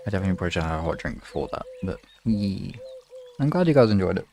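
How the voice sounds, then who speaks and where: This hypnosis ASMR streamer talks very fast in a low, sing-song voice that's gravelly yet warm. He rambles casually on his live stream, hesitating and second-guessing himself as host of relaxation sessions.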